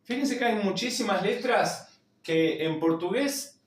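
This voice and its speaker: Argentine male teacher, higher voice, slow patient delivery, drills words over and over. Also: animated, echoey room, far from the mic. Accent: Argentine Spanish. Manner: repeats each word slowly, drilling pronunciation. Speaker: language teacher. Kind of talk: slow spoken lesson.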